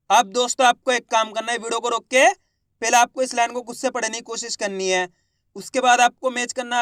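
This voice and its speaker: A man's voice: high voice, a bit bright, clean tone, dry recording, studio quality. A man teaching reading, drawing out each syllable and quizzing viewers as a teacher. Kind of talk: slow spelling lesson, sounding out syllables.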